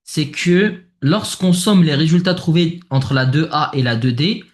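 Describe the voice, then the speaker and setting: A man's voice: fairly high pitch, animated, measured pace. A man with a French accent talking casually through a math exercise step by step, thinking aloud with many fillers. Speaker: math tutor. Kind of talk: worked exercise explanation. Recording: echoey room.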